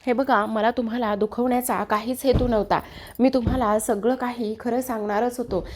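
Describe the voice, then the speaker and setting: Apologetic young man begging her to stop crying, read by a woman narrator, slightly high voice. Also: fairly even intonation, moderate pace, darkish tone, close to an everyday voice. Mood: pleading. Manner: pleading, apologetic.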